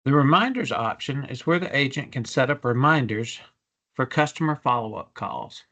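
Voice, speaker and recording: A man presenting a software demonstration in a measured, businesslike, explanatory way. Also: medium pitch, lively intonation, muffled recording. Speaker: product demonstrator.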